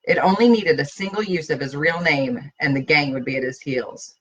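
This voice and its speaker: Expressive, slightly breathy woman reading a story. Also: sits low, moderate pace, lo-fi sound. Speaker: host reading stories aloud. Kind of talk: reading a short story aloud.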